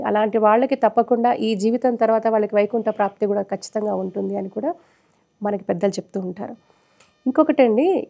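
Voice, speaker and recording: Mellow-voiced woman giving devotional talk. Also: medium pitch, vocal fry. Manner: earnest, explanatory, shares own experience. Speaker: devotional speaker.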